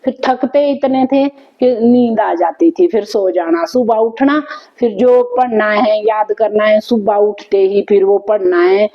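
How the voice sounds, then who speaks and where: A woman talks casually to camera, unhurried and thoughtful, pausing often to gather her thoughts. Her voice sits at a middling pitch. The recording sounds slightly muffled and lo-fi. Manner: unhurried and reflective, with many thinking pauses. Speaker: vlogger. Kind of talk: casual reminiscing talk to camera.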